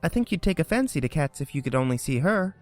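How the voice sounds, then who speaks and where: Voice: medium pitch, big pitch swings, fast talker, no echo, soft background music, close to an everyday voice. A reader voicing a polite, chatty young girl who stumbles over her words in a storybook reading. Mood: eager.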